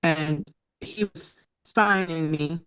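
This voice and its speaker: A woman's voice: sits low, takes it slowly, fairly bright tone, clear, resonant tone. A woman calling into an online church meeting over a video call. Her connection is bad and her voice breaks up, and she talks hesitantly and restarts her sentences. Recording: dull lo-fi video call audio.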